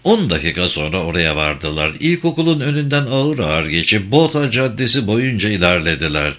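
A man narrating an audiobook in an expressive reading style. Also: brisk. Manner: expressive reading with wide pitch swings.

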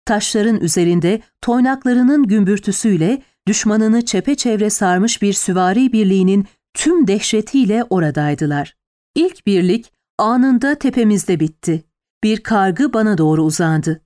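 Woman narrating an audiobook, mid pitch. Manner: steady, measured storytelling. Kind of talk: scripted narration.

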